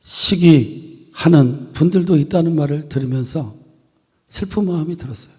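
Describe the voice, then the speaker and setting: A male pastor preaching a sermon to his congregation in a church, building phrases up with emphasis and letting them fall soft at the ends. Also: a little high, normal speed, husky. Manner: earnest preaching with swelling emphasis and soft trailing endings. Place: church sanctuary. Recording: long reverb of a church hall.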